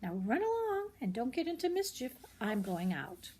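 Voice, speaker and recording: A woman's voice: a little high, very animated, normal speed, mellow, breathy edge, voice pushed up. An older woman voicing an old mother rabbit from a storybook, caring and fussy, in a sing-song motherly way. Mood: gently warning.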